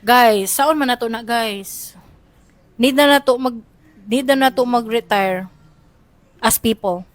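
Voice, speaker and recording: A woman in her thirties from Davao City with a Davao Bisaya accent, co-hosting a casual livestream podcast in an excitable, exclaiming way. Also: on the high side, unhurried, long pauses, dry recording. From Davao City, Philippines. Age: 30s. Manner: excitable, exclaiming, cues viewers. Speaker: podcast co-host.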